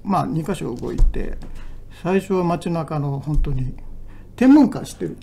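A man's voice: fairly high pitch, lively intonation, unhurried, dark tone, soft background music. A man from Kagoshima, a trumpet player, chatting casually and telling easygoing stories with light teasing. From Kagoshima, Japan. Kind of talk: casual chat.

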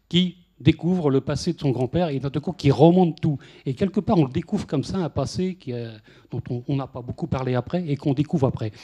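A man's voice: a little high, mellow. A man in his fifties moderating a public talk in a lecture room, holding a handheld mic and explaining at length with a few stutter-starts.

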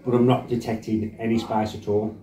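A man in his forties giving an informal snack review, thinking aloud in short, halting phrases. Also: fairly low pitch, flat delivery. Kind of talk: casual food review to camera. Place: small bare indoor room. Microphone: camera across a table. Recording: echoey room with clear background noise.

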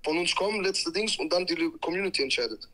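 A man's voice: high voice, animated, fast talker, pushed and bright. A man chatting casually over the phone in slangy speech, often addressing the listener as brother. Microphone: phone call played through speaker into streamer's microphone. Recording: phone call on speaker, voices around.

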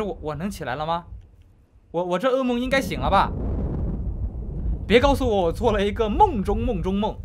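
A young man plays through a horror game and jokes to his viewers that nothing scares him. His voice sits high and swings widely in pitch. He keeps up a running banter, addressing the audience the whole time. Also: a little hiss or hum. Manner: joking, talks to viewers, claims not to be scared, yelps at scares. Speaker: gaming YouTuber. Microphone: headphones on, desk mic.

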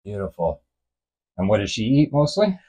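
A man's voice: on the low side, big pitch swings, normal speed, dark tone, husky. A man filming a casual vlog outdoors at an animal enclosure, asking easygoing, curious questions. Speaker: vlogger filming a visit. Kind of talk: casual handheld vlog chat.

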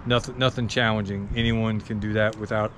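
A man's voice: lowish voice, little pitch movement, fairly quick. Plain-spoken man, noisy outdoor take. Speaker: motorcycle vlogger. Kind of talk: casual ride recap. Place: outdoors on a motorcycle trip.

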